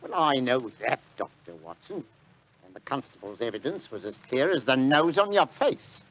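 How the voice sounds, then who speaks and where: An actor playing a blunt, dogged working-class London police inspector with halting, colloquial speech in a 1940s radio drama. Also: male voice, mid-range voice, lively intonation, fairly bright tone, poor audio. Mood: dogged, skeptical. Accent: London working-class English.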